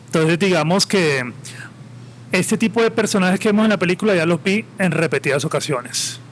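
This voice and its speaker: Impassioned high-voiced Colombian coastal man. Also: animated, normal speed, a little hiss or hum. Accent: Colombian Caribbean coast. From Colombia, Caribbean coast (Santa Marta). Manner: impassioned, opinionated, rambling with restarts. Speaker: podcast guest. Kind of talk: live podcast discussion. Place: live podcast event with audience.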